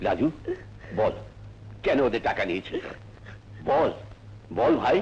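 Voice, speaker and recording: A man's voice: on the low side, sing-song, takes it slowly, gravelly, a little mellow, lo-fi sound, a little hiss or hum, exaggerated voice. An actor playing an eldest brother in a melodramatic film, begging forgiveness and comforting his younger brother. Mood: remorseful. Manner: remorseful, then tender and protective. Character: a remorseful, protective eldest brother.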